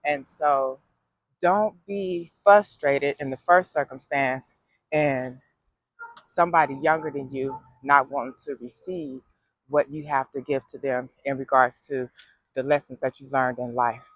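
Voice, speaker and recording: A woman's voice: a bass voice, fairly even intonation, a little slow, no room sound, poor audio. Sassy, folksy woman vlogger, dry sound. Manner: folksy, frank, preachy advice with sass. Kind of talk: casual heartfelt vlog talk.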